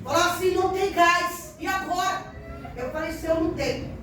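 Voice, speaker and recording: A woman pastor with a very high voice preaches a fervent, emphatic sermon with testimony at a normal pace. It's captured from far away in an echoey, noisy church hall.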